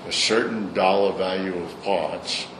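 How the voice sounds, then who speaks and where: In an unhurried, steady, low voice, an older Brooklyn man relates his stories casually during an interview. He's salty, blunt and opinionated, and the recording has an echoey room sound with clearly audible background noise.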